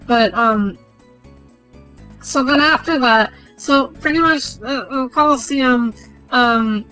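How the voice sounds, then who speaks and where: A young woman streamer with a high voice, rambling through a game recap full of swearing and filler words. Faint music plays under her talk. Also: slow, sharp tone, low-quality recording. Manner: profane, rambling, many fillers.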